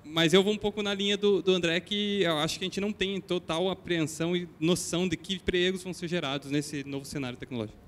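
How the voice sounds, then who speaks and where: A man's voice: sits high, steady tone, fast, fairly bright tone, slight background noise. A man commenting as a panelist at a conference, hesitant with many restarts. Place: conference hall.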